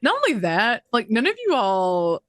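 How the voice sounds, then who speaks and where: A woman's voice: fairly high pitch, huge pitch swings, moderate pace, no echo. A woman co-hosting a podcast, ranting in casual chat, swearing freely and mocking other people's words in quoted voices. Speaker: podcast co-host.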